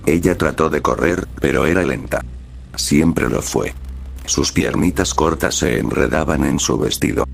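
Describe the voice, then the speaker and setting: Very deep gravelly computer narrator. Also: male voice, a little slow, a little hiss or hum. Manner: flat, clipped sentences. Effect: text-to-speech voice. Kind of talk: horror story narration.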